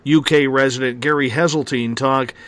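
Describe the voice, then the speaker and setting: A man's voice: mid-range voice, fairly even intonation, normal speed, fairly bright tone, dry recording. A man hosting a casual interview, speaking in an informal, effusive way. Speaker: show host.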